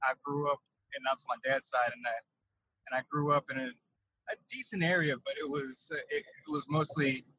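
A man calls in from inside his truck, and his voice comes through with a windy, tunnel-like rush. His tone is husky yet bright, and the recording is muffled and lo-fi. He speaks haltingly and circles back over his words. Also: medium pitch. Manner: halting, repeats words while thinking. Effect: windy, tunnel-like truck-cab sound. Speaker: podcast guest. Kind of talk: casual interview over a call.

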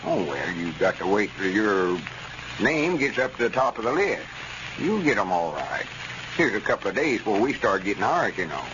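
A man's voice: lowish voice, sing-song, normal speed. Folksy southern country store guy, drawly, sure of himself, old radio comedy, muffled with faint noise. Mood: explaining, confident. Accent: rural Southern US. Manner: drawling, homespun, explaining. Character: folksy, self-assured rural storekeeper man. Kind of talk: 1930s radio comedy acting. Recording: dull vintage radio recording, faint noise.

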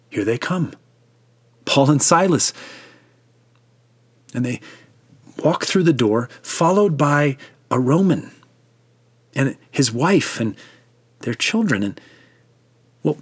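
A male preacher retelling a Bible story as sermon storytelling, unhurried with hushed dramatic pauses. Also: mid-range voice.

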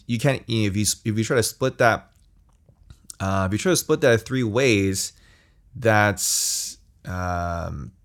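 A man's voice: mid-range voice, gravelly. A man hosting a podcast, giving rambling casual advice with many restarts and tag questions. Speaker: podcast host.

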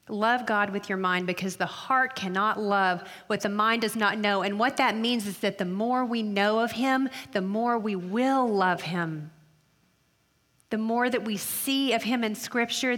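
A middle-aged woman giving an earnest, emphatic talk to college students, slowing down to stress key phrases. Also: mid-range voice, fairly bright tone. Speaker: speaker addressing college women. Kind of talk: sermon. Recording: long hall reverb.

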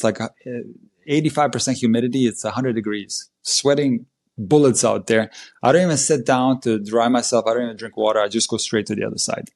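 A man, a tennis coach and podcast guest, tells a match story in an animated, emphatic way. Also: medium pitch. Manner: animated, emphatic play-by-play retelling. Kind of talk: conversational storytelling.

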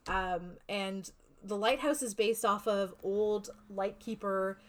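A woman co-hosting a podcast rambles through an explanation in a chatty, casual way. Her voice sits at medium pitch and she takes her time.

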